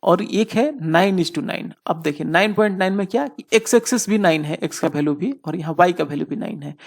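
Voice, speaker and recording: Gravelly-voiced male lecturer. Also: sits high. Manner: poses questions and answers them himself; checks in often with the class. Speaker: teacher. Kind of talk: explanatory lecture.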